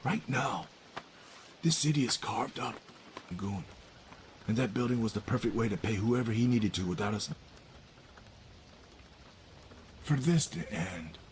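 An actor playing a cold, ruthless police boss who gives menacing, matter-of-fact orders. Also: male voice, lowish voice, normal speed, natural voice. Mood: briefing. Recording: noisy film soundtrack.

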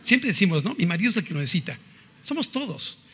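A man's voice: high voice, sing-song, fast, bright, forceful tone, breathy edge. A middle-aged man with a Mexican accent giving an earnest, confessional religious testimony and quoting scripture. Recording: reverberant hall.

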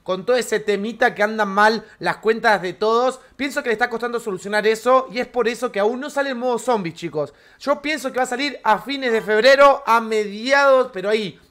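A man's voice: very high-pitched, fairly bright tone. A man with an Argentine accent chatting energetically with viewers during a live game stream, full of slang. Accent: Argentine Spanish.

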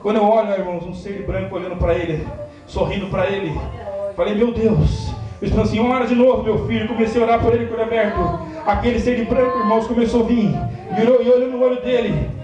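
A man preaching a fervent Pentecostal sermon in Brazilian Portuguese, swinging between loud cries and hushed asides and breaking into tongues. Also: high voice, level tone, fast talker, dull audio. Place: church preaching hall. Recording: very echoey hall, distant mic, music behind.

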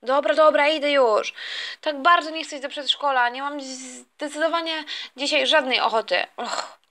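A woman with a high, sharp voice speaks at a normal speed as a whiny, scheming young boy in a toy play story. The boy doesn't want to go to kindergarten, so she has him whine, complain and stammer.

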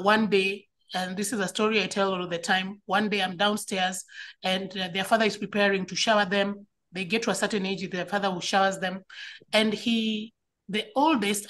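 A woman's voice: medium pitch, a bit bright. A woman, speaking earnestly on a panel as a school educator and parent. She often repeats words as she stresses a point. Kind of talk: panel talk on child safety.

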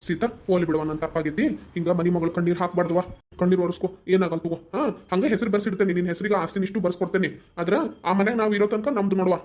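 Voice actor as fast-talking caring village father. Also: mid-range voice, fairly even intonation, darkish tone, lightly acted. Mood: soothing. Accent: North Karnataka Kannada. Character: caring older village father, soft-hearted. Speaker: father in a family cartoon.

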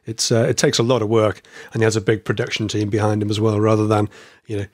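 A man in casual podcast chat as a host, with a slightly wheezy, croaky voice and a rambling, stop-start delivery. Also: lowish voice, little pitch movement, quick pace, dry recording, clean studio sound.

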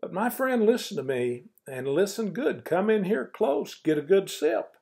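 Husky older man preaching folksy devotions. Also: sits high, big pitch swings, a little slow, darkish tone. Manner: folksy, coach-like exhortation, rising to stern emphasis. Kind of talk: morning devotional talk.

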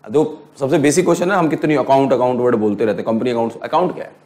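A middle-aged man with an Indian English accent teaching an accounting class, mixing Hindi and English, putting questions to students and slowly dictating definitions. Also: medium pitch, a little mellow. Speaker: accounting lecturer. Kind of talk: classroom lecture.

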